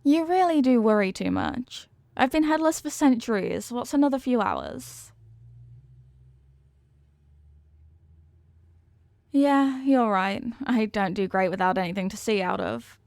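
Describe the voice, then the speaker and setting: A woman plays a centuries-old but sheepish, klutzy headless horsewoman girlfriend in an intimate ASMR-style roleplay, affectionately explaining herself in gentle rambles. Her fairly high voice is animated and gravelly, moving at normal speed with few pauses. The space is dry and close, with no room sound.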